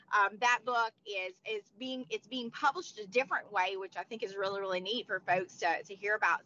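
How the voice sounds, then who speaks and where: Hoarse woman, forties, bright tense voice, dull lo-fi sound, chatty guest. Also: on the high side. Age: 40s. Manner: chatty, many restarts and fillers. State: hoarse, losing her voice. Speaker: guest, motivational speaker. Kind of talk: casual interview chat.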